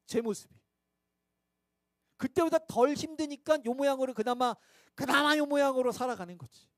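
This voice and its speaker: High-voiced Korean pastor preaching. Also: male voice, normal speed, no room sound. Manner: conversational, self-mocking, rhetorical questions. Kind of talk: sermon. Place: church midweek worship service.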